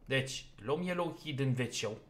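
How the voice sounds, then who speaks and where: A man's voice: medium pitch, lively intonation, fairly bright tone. A man giving let's play commentary on a horror game, talking himself through each step and getting easily exasperated. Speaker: gaming YouTuber.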